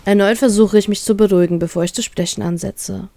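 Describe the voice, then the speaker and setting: Woman narrator, expressive first-person story reading, dry close sound. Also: medium pitch, quick pace, gravelly, no room sound. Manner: expressive, acting out the tearful heroine's lines. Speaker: fan fiction reader.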